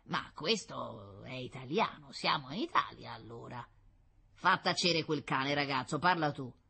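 A woman doing a slow, muttering little old man. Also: extremely low pitch, expressive, vocal fry, full character voice. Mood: wry. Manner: slow, murmuring, self-pitying.

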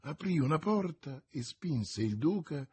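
A man reading a novel aloud as an audiobook narrator, in a measured, expressive way. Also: on the high side, breathy edge. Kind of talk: scripted narration.

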